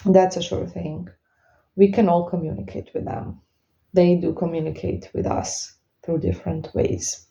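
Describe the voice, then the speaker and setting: A woman whose first language isn't English hosts a Q and A for her followers as a spiritual reader and spellworker. Her voice is fairly low and mellow, with a slight lisp from wearing retainers, and she speaks off the cuff and haltingly in an unscripted, casual monologue, searching for words. The audio is dull.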